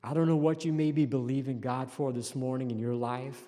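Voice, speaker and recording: A man's voice: medium pitch, steady tone, fairly quick, dark tone. Earnest male pastor preaching in a hall. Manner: earnest, repeats key phrases for emphasis. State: throat tickle, clearing throat. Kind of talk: sermon.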